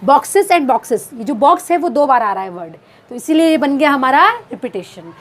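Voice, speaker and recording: A woman teaching English grammar who explains step by step, asks and answers her own questions, and reads the English examples slowly and deliberately. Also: high-pitched, expressive. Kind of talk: grammar lesson.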